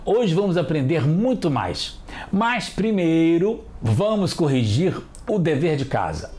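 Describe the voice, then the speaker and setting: A teacher, giving a children's TV lesson and spelling out sounds slowly and carefully. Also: mid-range voice, big pitch swings, darkish tone.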